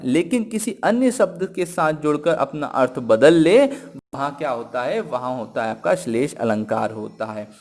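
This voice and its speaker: A man teaching a Hindi grammar lesson, explaining each point step by step and asking rhetorical questions as he goes. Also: a little high. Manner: reads example verses slowly and deliberately.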